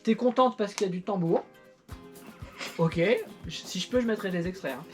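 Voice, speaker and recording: A middle-aged woman who is a YouTuber and a parent speaks at normal speed with a medium pitch. She and her child casually review an old record as she jokes at her own expense and uses many fillers, all over soft background music.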